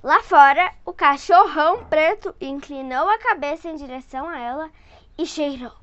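A woman's voice: sits high, moderate pace, fairly bright tone. A woman reading a children's picture book aloud, breaking off for chatty asides and giggles. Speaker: storyteller. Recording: dull dry home recording.

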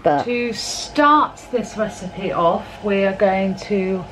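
Recorded on a counter camera a short way off, this casual cooking vlog features a young woman with a slightly bright, mid-range voice who speaks slowly with lively intonation. The low-quality audio has slight background noise, including a running washing machine.

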